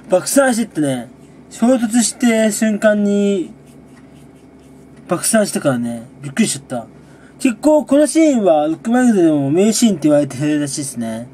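Male gaming creator, relaxed recap chat; light pitch, mellow tone, chuckling asides. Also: normal speed, pauses often, slight background noise. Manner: talks while sipping a drink. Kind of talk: casual monthly recap chat.

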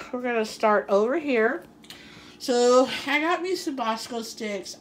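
A woman talks her way through a grocery haul in her home kitchen, chatty and rambling. She fills pauses with um and you know and laughs often. Her voice sits at an ordinary pitch, with a faint hiss in the background. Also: poor audio. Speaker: vlogger. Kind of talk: casual grocery haul vlog.

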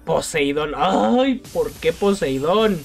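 Lively Mexican man ranting over game pulls. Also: a little high, takes it slowly, creaky, faint music behind. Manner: exasperated, self-mocking, laughs a lot. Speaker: gaming youtuber. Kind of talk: casual gameplay commentary.

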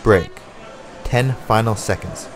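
A man's voice: fairly low pitch, slow pace. A man working as a boxing coach, calling out combinations and timing cues in short, motivational commands. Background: music.

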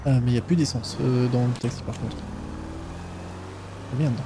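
A male streamer in relaxed, chatty casual commentary over his game. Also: medium pitch, fairly quick, noisy background. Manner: relaxed, chatty, laughs often.

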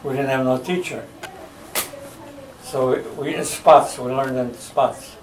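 This elderly American man has a steady, mid-range voice as he slowly recalls growing up, his story broken by many pauses while he gropes for details. It's a family oral history interview in a living room, with him in a recliner, captured as roomy, distant home video by a camera mic across the room.

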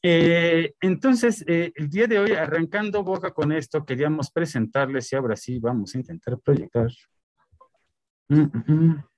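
A man's voice: fairly high pitch, moderate pace, darkish tone. A man giving a lecture online, reading out dates and lists with many fillers.

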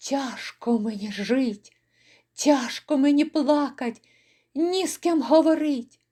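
Here is a grief-crazed Cossack father, torn between fury and despair, as a woman puts him on in a poetry reading. His cries come high and slow, each word stretched out in anguish. The lament swells loud and raw. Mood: raging lament. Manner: anguished shouting and lament, drawn out. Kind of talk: dramatic poetry recital.

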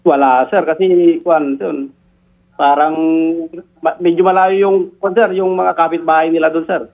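A man reporting as a police investigator, deferential and halting, adding "sir" to nearly every phrase. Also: a little high, steady tone. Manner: deferential, says "sir" constantly, halting with fillers. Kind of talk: phone-in report. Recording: tinny phone line.

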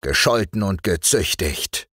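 A man's voice: deep voice, lively intonation, measured pace, a bit bright, breathy edge, no room sound, heavily acted. Man playing a cruel ship captain, stern, sneering, dry close recording.

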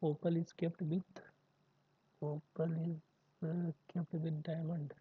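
A man, tutoring through mock exam puzzles, reading questions slowly and then rattling off solving steps in Hindi. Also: on the high side, flat delivery, slightly rough. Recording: dry tinny phone-like audio.

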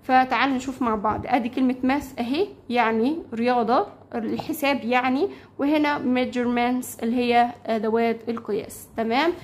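A woman teacher with an Egyptian Arabic accent, explaining English words to young pupils, repeating them slowly and checking often that they follow. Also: on the high side, steady tone. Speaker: primary school English teacher. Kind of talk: classroom lesson explaining vocabulary.

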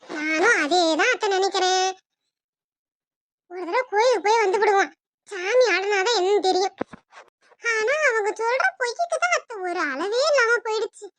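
A woman's voice: extremely high pitch, animated, moderate pace, long pauses, fairly bright tone. A woman voicing a sly, gossipy young woman with a Tirunelveli Tamil accent.

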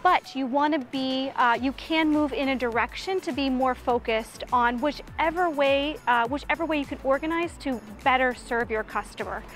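High-voiced woman consultant outdoors. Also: normal speed, few pauses, fairly bright tone, faint music behind. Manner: earnest, explanatory, with restarts and fillers. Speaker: management consultant. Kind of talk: outdoor walk-and-talk interview. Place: outdoor city park.

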